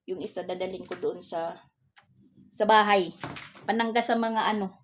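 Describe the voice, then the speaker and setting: A woman's voice: medium pitch, moderate pace, a little hiss or hum. A middle-aged woman, telling a story to her vlog viewers in a polite, chatty way. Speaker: vlog host.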